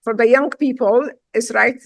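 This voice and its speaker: Woman, Syrian accent, middle-aged, chef guest, emphatic, higher voice, dry close sound. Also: fairly even intonation, normal speed, vocal fry, dry recording. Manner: emphatic, direct storytelling with loose grammar. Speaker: chef and restaurant owner, guest. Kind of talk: casual interview chat.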